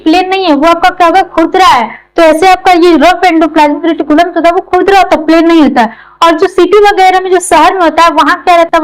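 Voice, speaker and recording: Woman with a very high voice who teaches by everyday comparisons and quick questions she answers herself. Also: poor audio. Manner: keeps asking and answering her own questions. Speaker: biology teacher. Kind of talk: explanatory classroom lecture.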